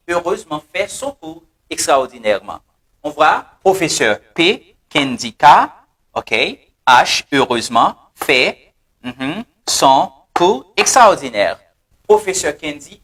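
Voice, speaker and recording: A man teaching English pronunciation in French, repeating words slowly and drilling the class. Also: on the high side, a bit bright, breathy edge. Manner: switches between French and English. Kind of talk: pronunciation lesson.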